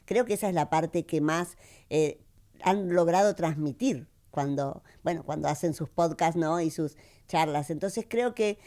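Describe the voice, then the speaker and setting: A woman from Argentina with an Argentine accent, co-hosting a podcast, reflective and quick to laugh. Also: sits low, dark tone. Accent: Argentine Spanish. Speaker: podcast co-host. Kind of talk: casual podcast chat. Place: farmhouse among orange trees.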